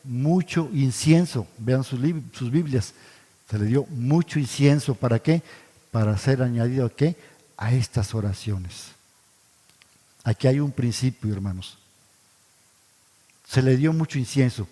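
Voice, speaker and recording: A man's voice: mid-range voice, unhurried, pauses often, warm tone. Man teaching a Bible study in a reverberant church. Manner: asks the congregation questions and answers them himself; addresses listeners as brothers, frequent tag questions. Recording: church hall with long reverb.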